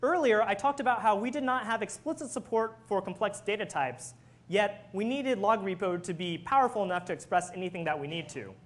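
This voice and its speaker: Step-by-step technical presenter, medium pitch. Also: a little fast. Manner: explanatory, step by step. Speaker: software engineer presenter.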